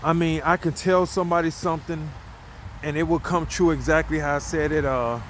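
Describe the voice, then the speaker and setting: A man's voice: a little high, fairly even intonation, a little fast, slight background noise. A man talking casually while walking outdoors at night, telling a rambling, conversational story and repeating himself. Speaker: vlogger.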